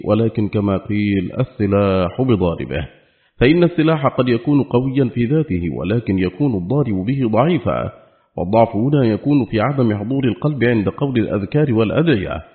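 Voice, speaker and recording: A man reading a religious book aloud in a formal, steady, measured recitation. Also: fairly low pitch. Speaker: audiobook reader. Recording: narrow phone-like audio.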